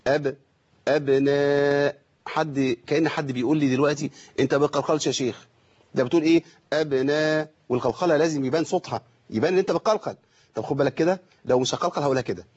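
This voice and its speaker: Egyptian sheikh giving a recitation lesson, kinda high husky voice, stretches out the verses, dull lo-fi sound. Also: male voice, darkish tone. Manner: explanatory, drawn-out recited demonstrations, rhetorical questions. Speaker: Quran recitation teacher. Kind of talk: broadcast tajweed lesson.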